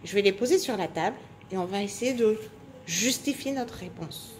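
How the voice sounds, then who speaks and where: A woman teacher giving a phonics lesson to young children, speaking slowly and clearly articulating, stretching out sounds and syllables. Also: mid-range voice, expressive, darkish tone, slight background noise. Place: indoors at a table.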